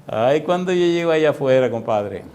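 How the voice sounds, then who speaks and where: A male pastor, telling a story in a sermon with lively, folksy, chuckling asides to the congregation. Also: medium pitch, moderate pace.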